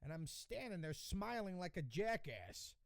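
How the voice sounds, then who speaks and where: A man's voice: sits high, very animated, measured pace, gravelly, no echo. A man hosting a podcast, telling a comic story in a wry, exasperated and profane way. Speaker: podcast host. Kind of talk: comedic storytelling monologue.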